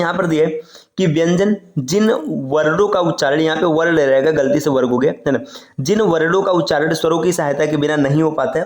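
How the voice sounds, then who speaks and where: In a roomy-sounding recording, a man whose voice is a little high and a little mellow leads an online exam-prep class. He explains each step slowly, drawing out sounds and often adding "है ना".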